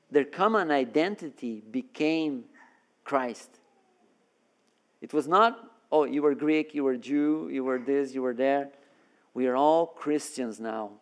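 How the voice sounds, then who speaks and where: A man from Brazil preaching a sermon as a guest, earnest and full of restarts and repeated words. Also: fairly high pitch. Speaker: guest preacher and seminary worker.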